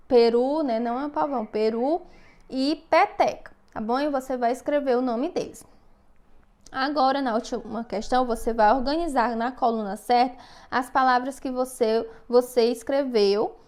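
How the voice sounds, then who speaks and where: Patient high-voiced Brazilian teacher. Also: female voice. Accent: Brazilian Portuguese. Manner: patient, slow dictation with frequent "tá bom?" checks. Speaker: first-grade teacher. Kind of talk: recorded remote class instructions.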